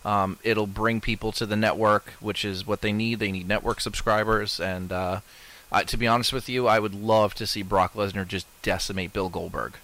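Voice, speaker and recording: A man's voice: on the low side, fairly even intonation, normal speed, a bit bright. A man co-hosting a casual podcast, talking loosely with lots of fillers and the odd swear. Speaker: podcast co-host. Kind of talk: casual chat.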